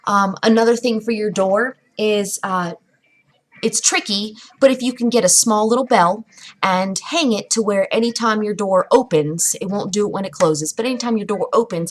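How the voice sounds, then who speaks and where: Woman, vlogger, casual how-to talk, rambling, filler-heavy, home desk setting. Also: mid-range voice. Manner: rambling, chatty, lots of fillers and restarts. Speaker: pagan vlogger giving home tips. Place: indoors at home. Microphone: camera mic at a computer desk.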